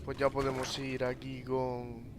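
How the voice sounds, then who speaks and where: A man's voice: mid-range voice, monotone, moderate pace, heavy background noise. A man giving casual commentary as he plays through a video game. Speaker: gamer streaming a playthrough.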